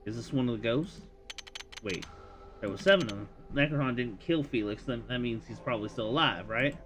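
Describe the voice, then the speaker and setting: A man voicing a tired male detective who speaks in a dry, low-key, deadpan way. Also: a little fast, lightly acted. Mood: puzzled. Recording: music playing behind voice.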